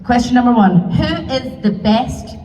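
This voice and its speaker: A Scottish woman moderating a convention panel, chatty and self-deprecating, with quick asides. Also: a little high, lively intonation, warm tone. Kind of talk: lively convention panel hosting. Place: large convention hall with audience. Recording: echoey convention hall from far off, crowd noise.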